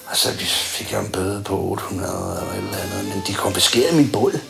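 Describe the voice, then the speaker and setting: A man's voice: sits low, vocal fry, over music. A man telling a rambling, slangy anecdote in a casual way. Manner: rambling, chatty, with crude slang. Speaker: storyteller.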